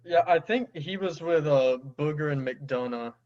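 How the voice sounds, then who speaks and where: A man's voice: fairly high pitch, measured pace, darkish tone, lo-fi sound. A man co-hosting a casual sports podcast, giving blunt opinions with dry jabs. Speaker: podcast co-host.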